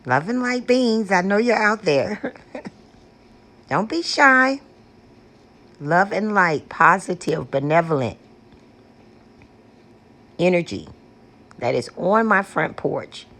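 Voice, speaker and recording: A paranormal vlogger with a deep, coarse woman's voice sits outdoors on her front porch, calling to spirits in an unhurried, soft-spoken way. Her slow, hushed invocations are gentle, pleading and repetitive, with lively intonation, and she mixes in casual chat with viewers. She's recorded on an external microphone.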